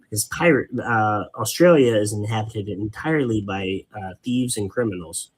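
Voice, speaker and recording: A man's voice: fairly low pitch, moderate pace, slightly rough. A man hosting a casual hobby painting stream, rambling and patiently explaining things, cracking corny dad jokes. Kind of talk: casual live-stream chat while painting.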